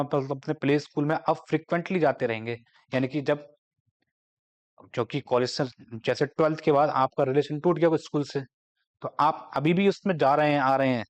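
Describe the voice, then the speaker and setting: Man lecturing step by step. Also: on the high side. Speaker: math lecturer. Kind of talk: classroom lecture.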